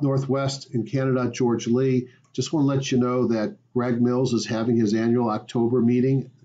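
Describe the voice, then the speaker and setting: A man's voice: mid-range voice, mellow, muffled recording. A man, a stock market educator, hosting a weekly market review, talking conversationally and rambling with fillers.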